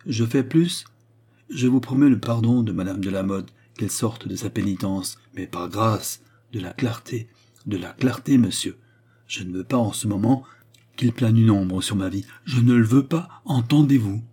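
A haughty queen speaks with imperious impatience, as a man puts her on for an audiobook. The voice is husky and mellow, lifted above the reader's own low register. She presses and demands. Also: normal speed. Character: proud haughty queen, adult woman. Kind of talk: audiobook reading.

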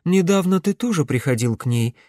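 A stern middle-aged necromancer woman speaks in measured, insistent sentences, voiced by a man reading an audiobook. Her voice sits somewhat higher than a man's plain voice. The sound is dry and close, with no room around it. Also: animated, darkish tone, no room sound, natural voice.

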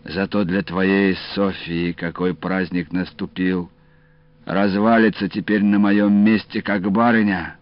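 Guy playing a gruff old uncle, teasing and sardonic, drags his words, lowish voice, dull dry audio. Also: level tone, unhurried, no room sound. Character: gruff, mocking, warm-hearted old uncle. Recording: dull dry studio audio, faint music.

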